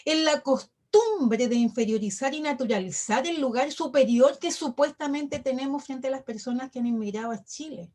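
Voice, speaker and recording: A woman professor giving a lecture in an online talk, measured and emphatic, building her points through lists and rhetorical questions. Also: high-pitched, a little mellow. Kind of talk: academic lecture, reflective.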